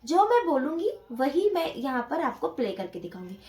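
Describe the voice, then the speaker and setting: A woman's voice: high voice, big pitch swings, moderate pace, a little mellow. A woman teaching the dholak step by step, patiently counting the beats aloud as she plays. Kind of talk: step-by-step music lesson. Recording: echoey room with dholak playing.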